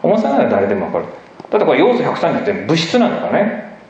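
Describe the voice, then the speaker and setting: A man giving an emphatic, animated public lecture with slides, often asking the audience questions. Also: on the high side, fast. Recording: echoey hall, dull lo-fi recording.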